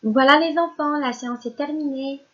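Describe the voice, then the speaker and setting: Lady teacher doing a phonics lesson for little kids, high-ish voice, really slow, dull lo-fi sound. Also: fairly bright tone. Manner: slow and patient, sounding out syllables one by one; speaks directly to the pupils as if they are present, praising them. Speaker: primary school teacher. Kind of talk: recorded remote reading lesson for young children.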